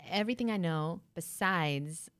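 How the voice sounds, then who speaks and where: A woman's voice: fairly low pitch, lively intonation, moderate pace, smooth, dry recording. A woman in her thirties hosting a casual interview with her best friend, playful and teasing. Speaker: host.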